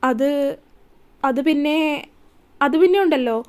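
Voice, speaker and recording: A tearful young wife from a storybook romance, voiced by a woman reading the story. She stammers and repeats herself between sobs. The voice is high and light. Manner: halting, stammering, sobbing.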